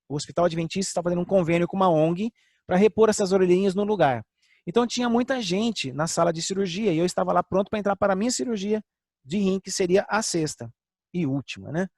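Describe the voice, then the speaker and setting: An earnest older man preaching, his voice sitting high for a man. He sinks to quiet lows, then lifts into emphatic peaks. The sound is close and dry, with no room around it. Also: vocal fry, dry recording. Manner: earnest, drops to soft lows and rises to emphatic highs. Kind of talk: sermon with personal testimony.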